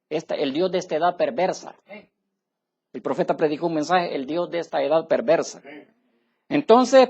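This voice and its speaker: A man's voice: fairly high pitch, darkish tone, breathy edge, highs cut off. A male preacher giving an emphatic sermon in a church. He keeps turning to his listeners to check that they follow him. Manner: emphatic, asks listeners "¿me entiende, hermano?". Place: church tabernacle.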